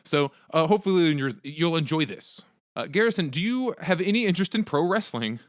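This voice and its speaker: Man, podcast host, casual storytelling, lively swooping pitch, dry close sound. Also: brisk, no room sound. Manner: animated, acts out quotes in a raised pitch.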